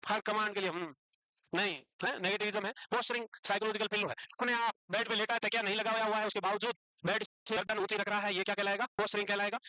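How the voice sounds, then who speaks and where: A man teaching psychiatry to a class, brisk and scolding, calling his students "beta" and mixing English medical terms into his Hindi. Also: high voice, bright, forceful tone, no echo. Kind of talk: classroom lecture.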